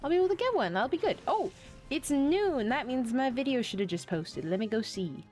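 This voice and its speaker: A woman's voice: high voice, animated, a little fast, darkish tone, faint music behind. A woman streaming a game, chatting casually, rambling and often gushing as she plays. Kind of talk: casual live-stream chat while playing.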